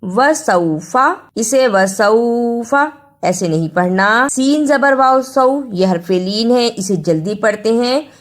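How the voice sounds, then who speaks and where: A woman teaching Quran recitation, spelling out words slowly letter by letter and explaining how each sound is made. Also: a little high, animated. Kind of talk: tajweed lesson, explaining pronunciation and reciting verses.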